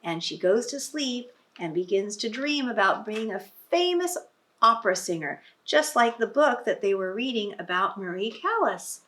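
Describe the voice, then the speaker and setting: This woman has a mid-range, fairly bright voice with a sing-song lilt, and she reads at normal speed. Her expressive picture-book reading to young children comes teacher-style, full of explanatory asides and prompting questions.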